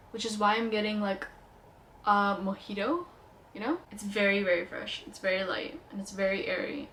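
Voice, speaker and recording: A young woman with a light Indian accent and a fairly bright, mid-range voice reviews perfumes in a casual vlog, with slight background noise. As a beauty vlogger, she chats playfully and enthusiastically.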